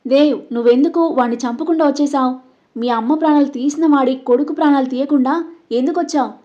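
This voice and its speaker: A woman voicing a furious, vengeful old grandmother who shouts commands in a storybook narration. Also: high voice, fast talker, lo-fi sound, close to an everyday voice.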